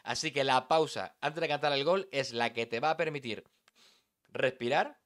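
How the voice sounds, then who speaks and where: A man's voice: mid-range voice, normal speed, fairly bright tone. A man from teaching sports narration, talking emphatically and dramatically, addressing the listener directly. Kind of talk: instructional voice-over lesson.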